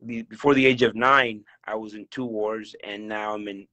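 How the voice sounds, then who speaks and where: Guy from el salvador on a zoom call, bright forceful voice, chatty, laughs a lot, lots of ums. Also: fairly low pitch, fairly even intonation, normal speed. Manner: cheerful, laughs often, many fillers and restarts. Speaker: guest real estate investor. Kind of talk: casual video call interview. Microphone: video call.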